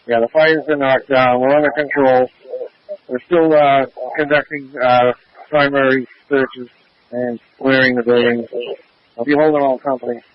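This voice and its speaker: A man's voice: medium pitch, fairly even intonation, moderate pace, no room sound. A man working as a fire incident commander, giving terse, urgent firefighter orders over a two-way radio. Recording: muffled two-way radio transmission.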